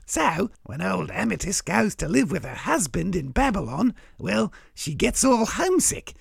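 A man voicing a cheerful, matey crow with an Australian accent, explaining things in casual tradesman-like slang with a gravelly, raspy voice. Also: high-pitched, no echo, studio quality, heavily acted. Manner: blokey, casual tradesman-like slang and folksy asides. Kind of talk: scripted comic educational dialogue.

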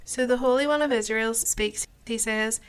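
Higher-voiced woman reading scripture. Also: normal speed. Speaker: reader.

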